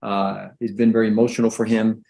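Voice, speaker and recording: A man speaking as a defense attorney, addressing a judge in court in a halting, deferential manner. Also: fairly low pitch, level tone, vocal fry, warm tone.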